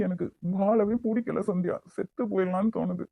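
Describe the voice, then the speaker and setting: A man voicing a troubled young man in an animated story. He speaks with a Nagercoil Tamil accent and talks in a blunt, stern way. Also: fairly quick, vocal fry, dry recording. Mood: despairing. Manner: blunt, stern, then low and despairing. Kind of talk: cartoon voice acting.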